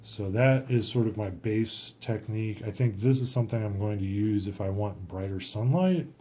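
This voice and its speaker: A man with a fairly low, warm and mellow voice explains his watercolor process while he works. He thinks aloud in a hesitant, low-key way and often trails off mid-sentence. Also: moderate pace, slight background noise. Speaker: watercolor artist. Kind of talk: casual painting demonstration.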